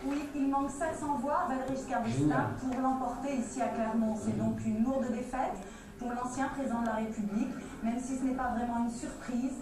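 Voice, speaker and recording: A woman reporter delivering a measured news report. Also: on the high side, steady tone. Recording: echoey, distant, with crowd.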